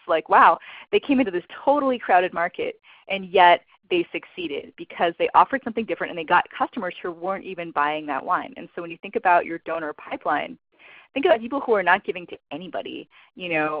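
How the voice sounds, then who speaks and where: A woman's voice: on the low side, no room sound. A woman giving a fundraising webinar presentation in a casual, conversational way, with lots of fillers. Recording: dull lo-fi dry webinar audio.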